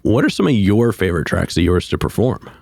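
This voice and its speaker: A man's voice: fairly low pitch, big pitch swings, a little fast, gravelly, a little mellow, dry recording, clean studio sound. A man hosting a podcast, enthusiastic and full of fillers as he searches for his words. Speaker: podcast host. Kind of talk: casual interview chat.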